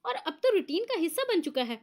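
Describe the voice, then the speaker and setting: A woman voicing a calm young man who answers in a dry, deadpan way. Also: extremely high pitch, a little fast. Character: young man, calm, dryly unbothered friend.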